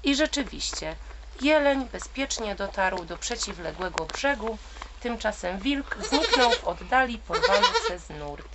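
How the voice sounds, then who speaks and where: Woman storyteller for kids, lively sing-song reading, noisy recording with goat bleats behind. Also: medium pitch, a little slow. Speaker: children's story reader. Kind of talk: reading aloud to children. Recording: loud background noise.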